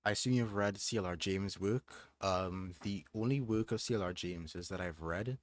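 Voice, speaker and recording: This livestream host is a young man with a deep voice at a moderate pace. He reads a book aloud and chats hesitantly and thoughtfully, restarting often.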